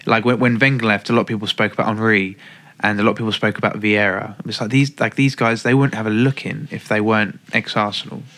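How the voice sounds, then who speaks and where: A man's voice: fairly low pitch, fairly even intonation, fast, a bit bright. A man chatting casually about football on a podcast, hesitant and often restarting. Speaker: podcast guest.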